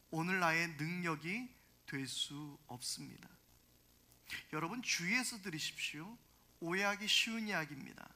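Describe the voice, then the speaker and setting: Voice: mid-range voice, pushed and bright. A pastor giving a Sunday sermon, emphatic and asking the congregation rhetorical questions.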